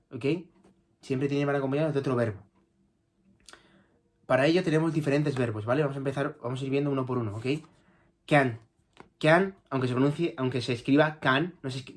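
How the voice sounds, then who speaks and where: Teacher, man. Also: mid-range voice. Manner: patient, repeats and checks with "¿vale?". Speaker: English teacher. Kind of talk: explaining grammar in Spanish.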